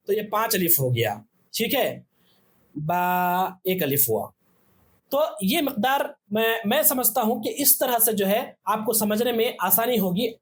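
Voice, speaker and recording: A man teaching a Tajweed lesson step by step, patiently repeating and stretching out letter sounds. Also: high-pitched.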